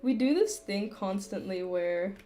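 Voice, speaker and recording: A woman's voice: medium pitch, animated, measured pace, mellow, slight background noise. Giggly rambling young woman streamer. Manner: rambling, giggly, swearing casually. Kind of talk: casual chat while drawing on stream.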